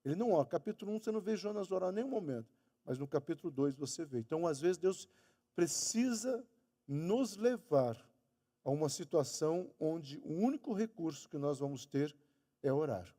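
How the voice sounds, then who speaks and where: A man's voice: lively intonation, fairly quick, dark tone. A man preaching a sermon with a Brazilian Portuguese accent, emphatic and stretching key words for weight. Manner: emphatic, stretching key words and raising pitch on quoted lines. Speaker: pastor. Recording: long church hall reverb.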